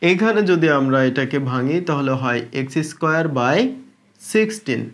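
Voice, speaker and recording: A man's voice: medium pitch, lively intonation, normal speed. A man with a Bangladeshi Bengali accent teaching a step-by-step math lesson, drawing out terms and asking rhetorical questions as he works.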